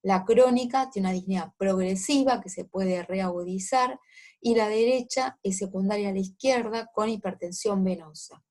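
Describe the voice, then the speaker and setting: Female lecturer, mid-range voice, measured teaching delivery with hesitations and "eh" fillers. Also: medium pitch, darkish tone. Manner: explanatory, with frequent "eh" fillers and check-ins. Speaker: medical lecturer. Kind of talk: recorded medical lecture.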